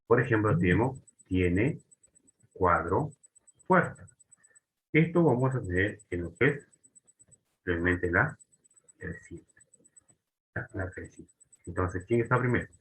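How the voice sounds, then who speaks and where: A man's voice: on the low side, a bit bright, rough recording. A man teaching a grammar lesson, often restarting and checking in with short questions.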